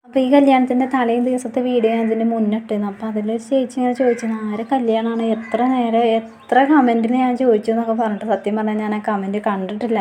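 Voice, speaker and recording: Keralan lady vlogging about her day, quick chatty talk, bit of faint background noise. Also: mid-range voice, mellow. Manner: chatty, tags sentences with "ട്ടോ" and "കേട്ടോ". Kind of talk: casual vlog narration.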